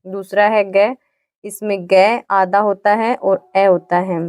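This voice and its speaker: A woman teaching an exam-prep grammar lesson, patiently repeating definitions and sounding out each letter slowly. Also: mid-range voice, fairly even intonation, a little mellow, no room sound, clean studio sound.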